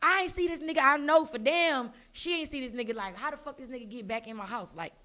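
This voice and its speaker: High bright voiced woman tellin a messy story, cussin a lot, acts out all the quotes. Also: quick pace. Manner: animated, profane, acts out quotes in her own voice. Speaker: storyteller guest. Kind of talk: casual storytelling.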